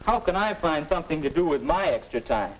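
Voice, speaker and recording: A man's voice: on the high side, big pitch swings, fairly quick. A young male actor playing a restless, skeptical teenage boy, earnest and questioning, in a 1950s educational film. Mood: puzzled, curious. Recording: noisy 1950s film soundtrack.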